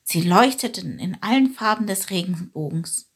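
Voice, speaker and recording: Breathy woman narrating a children's story. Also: medium pitch, expressive, moderate pace.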